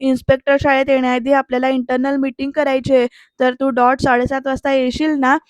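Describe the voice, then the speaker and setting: A friendly female colleague chatting on a phone call in a TV serial, read by a woman recapping it. She talks briskly and mixes in phrases from another language. The voice is high and dry. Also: little pitch movement, darkish tone, no echo, lightly acted.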